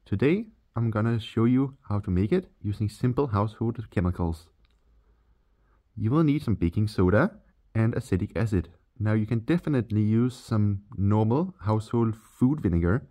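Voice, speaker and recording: A Danish man with a fairly low, dark voice narrates a chemistry tutorial for his channel. The voice-over is scripted, and he explains each step in a plain, instructional way.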